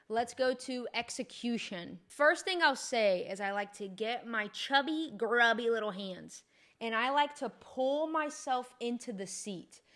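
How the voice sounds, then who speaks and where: A woman's voice: a little high, a bit bright. Chatty upbeat young woman fitness coach. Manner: chatty, upbeat, loose and informal. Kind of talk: casual instructional talk.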